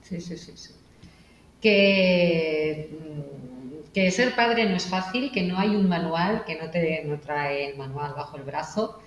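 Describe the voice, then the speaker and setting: Animated woman host, echoey room. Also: low-pitched. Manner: animated storyteller, acts out quotes. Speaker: interview host. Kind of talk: casual conversational interview. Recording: echoey room with faint noise.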